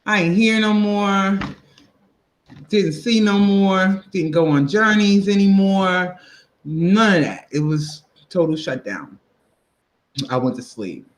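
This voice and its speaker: A woman guest in casual chat, telling a personal story in an animated, expressive, folksy way. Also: mid-range voice, takes it slowly, poor audio. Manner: folksy, conversational.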